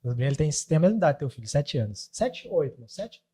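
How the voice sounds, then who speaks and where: Mellow-voiced podcast host. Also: male voice, fairly high pitch, sing-song, very fast, slightly rough. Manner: encouraging, affirming. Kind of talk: casual podcast chat.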